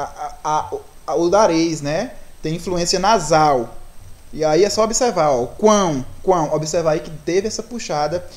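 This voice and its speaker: A woman's voice: lowish voice, a little mellow. A woman with a Brazilian accent teaching a Portuguese grammar lesson, explaining step by step and often checking in with her students. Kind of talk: recorded online lesson.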